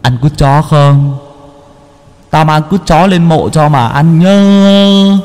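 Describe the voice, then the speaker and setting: A man's voice: fairly high pitch, darkish tone, clear, resonant tone, in a large hall, pitched above the performer's own voice. Man voicing a cackling ghost-possessed cripple. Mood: eerie taunting. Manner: slow, drawn-out, eerie taunting.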